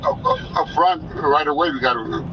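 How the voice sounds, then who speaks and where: A man speaking as a homeowner on a three-way phone call, halting and stammering over his words. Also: a little high. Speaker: homeowner facing foreclosure. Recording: dull phone line, faint noise.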